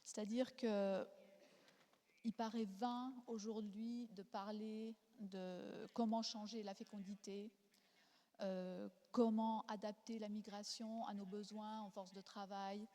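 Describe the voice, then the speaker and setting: Female panellist with a foreign accent in French, soft-edged warm voice, halting unscripted delivery, echoing hall. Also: medium pitch. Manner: hesitant, searching for words with repeated restarts. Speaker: panel speaker, demography expert. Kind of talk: unscripted panel debate contribution. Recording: reverberant hall sound.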